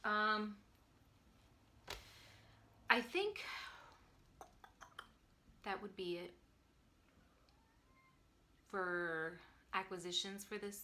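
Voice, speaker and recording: A woman's voice: mid-range voice, extremely slow, long pauses, pushed and bright, slight background noise. A woman hosting a knitting vlog, chatting casually and rambling with many restarts and fillers. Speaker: knitting podcast host. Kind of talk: casual chat to viewers.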